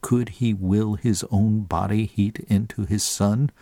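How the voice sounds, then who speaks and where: A male audiobook narrator with a fairly low voice, reading in a measured pace that slows down on dramatic beats. The recording is close and dry, with no room sound. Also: steady tone, warm tone, no room sound.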